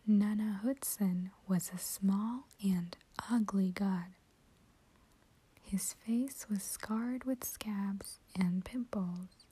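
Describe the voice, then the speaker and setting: A woman whispers a story at an unhurried, gentle pace, every word airy and breathy. Her hushed tone sits mellow and warm, close and soft, for a calm ASMR reading. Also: medium pitch. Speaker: channel host reading a story.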